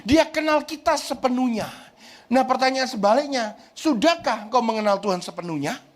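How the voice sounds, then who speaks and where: A man's voice: very high-pitched, animated, normal speed. A middle-aged man preaching as pastor in a chatty, joking sermon. He keeps asking the congregation "right?" and drops English phrases into his talk.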